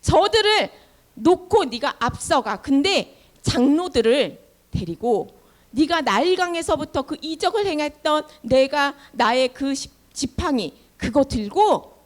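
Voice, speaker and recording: A woman's voice: high voice, lively intonation, a little slow. A woman voicing God, firmly instructing. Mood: commanding. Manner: instructing, firm and reassuring. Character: commanding divine voice of God.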